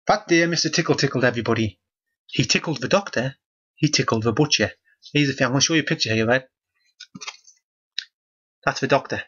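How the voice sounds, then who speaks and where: A man's voice: medium pitch, a little fast, pauses often, a bit bright, breathy edge, highs cut off. A man reading a children's book aloud, breaking off for sardonic, mock-outraged comic asides.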